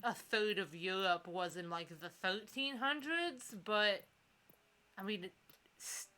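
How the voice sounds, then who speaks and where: A woman's voice: mid-range voice, takes it slowly, sharp tone. A woman streaming a game, chatting casually and reading aloud. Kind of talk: casual playthrough chat and read-aloud.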